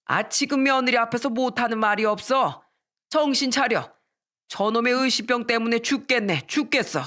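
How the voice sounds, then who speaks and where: A woman's voice: on the high side, moderate pace, fairly bright tone, voice pushed up, lightly acted. A woman voicing an irritable older father-in-law arguing back in exasperation. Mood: exasperated. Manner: defensive, exasperated.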